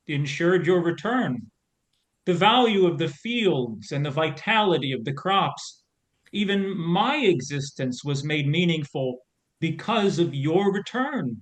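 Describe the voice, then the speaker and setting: Scarecrow: weary, gentle guardian, slow and measured, somewhat high, voiced by a man. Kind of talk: audio drama reading.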